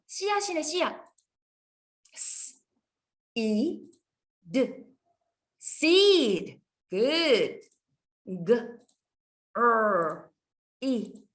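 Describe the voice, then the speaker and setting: A woman teaching an English phonics lesson to young children in an animated, sing-song, encouraging way. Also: on the high side.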